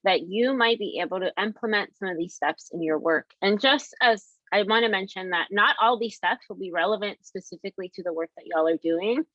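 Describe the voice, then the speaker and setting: A woman's voice: medium pitch, a little fast, fairly bright tone, dry recording. A woman hosting a webinar question and answer session in a friendly way, reading audience questions aloud. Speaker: webinar host. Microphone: video call. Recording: dry, muffled call audio.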